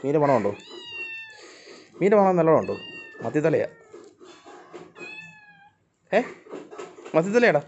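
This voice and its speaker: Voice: medium pitch, big pitch swings, a little slow, long pauses, darkish tone. A speaker coaxes and scolds a crowd of hungry cats in short, punchy calls. The voice swings widely up and down as it chases the animals along. The recording is dull and lo-fi, with a faint hiss and cats meowing behind it. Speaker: vlogger feeding cats. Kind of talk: casual talk to pets. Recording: dull lo-fi sound with faint noise.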